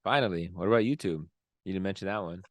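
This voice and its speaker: A man's voice: deep voice, fast talker, no echo. A man co-hosting a podcast, chatting casually with playful exaggerated jokes. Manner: joking, laid-back, playful exaggeration. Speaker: podcast co-host. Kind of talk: casual chat.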